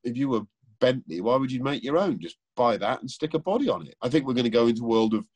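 A man's voice: medium pitch, expressive, fast talker, a little mellow, slightly rough. A man, a car presenter, giving opinionated, thoughtful answers in a casual interview over a remote call, with frequent restarts. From England.

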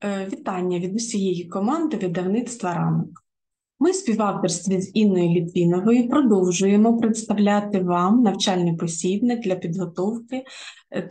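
A woman's voice: medium pitch, dark tone. A middle-aged woman co-author and teacher giving an exam-prep lesson, explaining step by step with frequent hesitation fillers.

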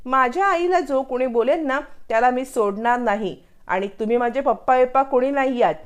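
A woman's voice: sits high, a little fast, clear, resonant tone, natural voice. A woman reading the lines of a defiant young boy standing up for his mother. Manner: angry, defiant.

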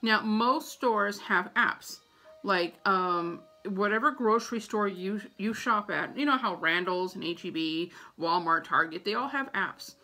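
A middle-aged American vlogger gives informal household tips to camera, hammering points home through repetition. Her fairly low voice is bright and forceful, and she's filmed in a small room at home on a phone or tablet held at arm's length.

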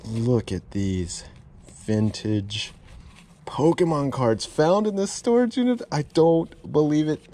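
A man with a slightly high, expressive voice speaks slowly and warmly while vlogging his dig through a storage unit. He sounds amazed and keeps repeating exclamations, and it's an excited unboxing vlog filmed on a head-mounted action camera.

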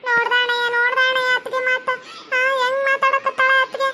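A woman's voice: very high-pitched, monotone, fast talker, heavy background noise. A woman voicing a sly, bossy young sister-in-law who schemes and threatens, with a North Karnataka Kannada accent.

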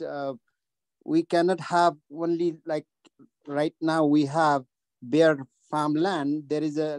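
A man from Nepal with a Nepali accent, asking a question on a video call in a halting way, with many uhs and restarts. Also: a little high, dark tone, dry recording. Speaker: audience member asking a question. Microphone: video call audio.

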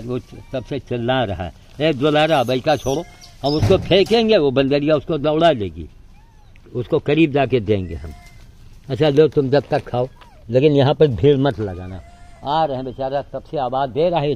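A man's voice: medium pitch, warm tone. An older man talking outdoors, coaxing animals he is feeding and giving chores to a helper in between. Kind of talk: casual outdoor narration.

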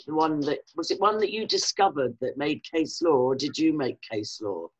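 A woman's voice: low-pitched, animated, slightly rough, lo-fi sound. A woman hosting an interview over a video call from home, asking curious questions and nodding along. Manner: curious, asks questions, quick short agreements. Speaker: host, interviewer. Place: room at home. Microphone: webcam on a video call.

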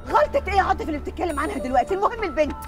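A woman's voice: animated, over music. An actress playing a panicked mother and school headmistress, speaking with an Egyptian accent in a TV drama. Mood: sharp. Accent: Egyptian Arabic. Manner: frantic, shrill, rapid. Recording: TV drama with background score.

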